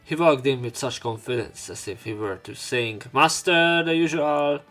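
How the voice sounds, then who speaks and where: A man with a mid-range, slightly bright voice hosts a let's play at normal speed, reading a visual novel aloud and adding casual commentary. He often trips over words and corrects himself, with game music playing behind him.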